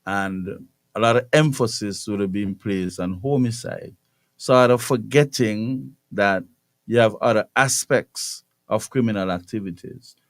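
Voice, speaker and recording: A man's voice: fairly low pitch, measured pace, no room sound. A man with a Kittitian accent hosting a conversational radio interview. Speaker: radio host. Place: radio studio.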